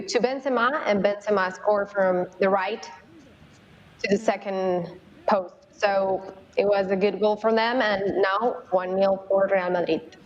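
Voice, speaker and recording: A woman giving a match update from another game over a remote connection. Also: mid-range voice. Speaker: remote reporter. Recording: dull lo-fi remote line.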